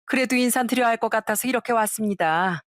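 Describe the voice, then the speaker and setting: A woman's voice: on the high side, quick pace, no echo, clean studio sound, voice pushed up, natural voice. A woman voicing a shameless, pushy middle-aged ex-wife. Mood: brazen. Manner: pushy, self-assured.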